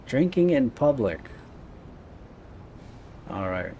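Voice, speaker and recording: A man's voice: medium pitch, very animated, slow, vocal fry, dark tone, a little hiss or hum. A man giving casual let's-play commentary as the host of a gaming video, with game ambience behind him.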